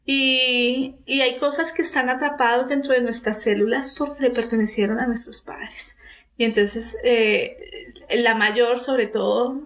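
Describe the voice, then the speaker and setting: A woman's voice: fairly high pitch, a bit bright, low-quality recording. A woman therapist, telling about a therapy case and retelling its dialogue, with many fillers and restarts.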